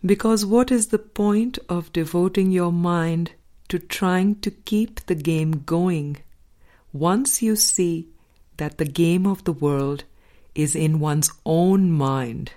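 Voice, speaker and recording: An audiobook reader, a woman with a low voice, narrates a scripted spiritual text slowly and deliberately. She leaves pauses between phrases, and her tone is mellow and soft-edged.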